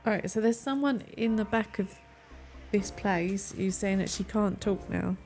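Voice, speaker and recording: Casual woman streamer with slightly creaky voice. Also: medium pitch, unhurried, a little mellow, soft background music. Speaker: game streamer. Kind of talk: casual co-op game stream chat.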